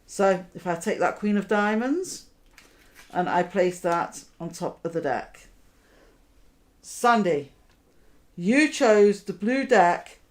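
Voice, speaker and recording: A woman magician giving card trick patter, deliberately talking her audience through each step and checking in with questions. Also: fairly low pitch. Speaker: magician, host.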